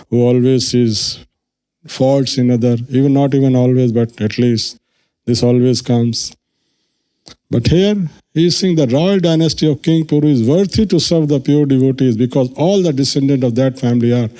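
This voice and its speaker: A man's voice: medium pitch, mellow. A man giving an earnest devotional lecture at a temple, explaining scripture and acting out quoted lines. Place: temple hall.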